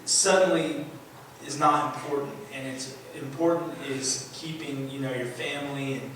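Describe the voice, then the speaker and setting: A man's voice: medium pitch, steady tone, normal speed, background noise. Man telling a story in an echoey church. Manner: rambling, many fillers and restarts. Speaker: church member giving testimony. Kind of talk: personal testimony in church. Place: church sanctuary. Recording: echoey church from a distant mic.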